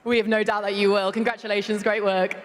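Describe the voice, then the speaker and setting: A woman interviews live on a competition floor in an upbeat style. Her medium-pitched voice carries the reverb of a big hall. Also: level tone, fast talker. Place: large indoor competition venue. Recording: reverberant large venue.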